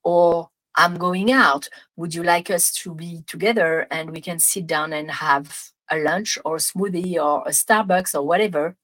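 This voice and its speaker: A woman with a French accent hosting an advice podcast, talking gently with restarts, then guiding a slow breathing exercise. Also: lowish voice, low-quality recording. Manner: gentle, warm, meandering with restarts. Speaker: podcast host. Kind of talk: casual advice podcast with guided visualization.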